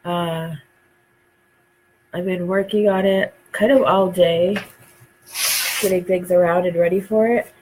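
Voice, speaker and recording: A woman's voice: lowish voice, steady tone, unhurried, long pauses, background noise. A woman hosting a casual craft live stream. She is stuffed up and dry-throated from a cold, and she rambles with many ums and uhs.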